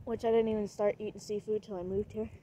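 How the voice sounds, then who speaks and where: A woman's voice: mid-range voice, level tone, fast, dark tone. A woman in casual, unscripted conversation outdoors. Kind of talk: casual chat. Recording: noisy outdoors with traffic.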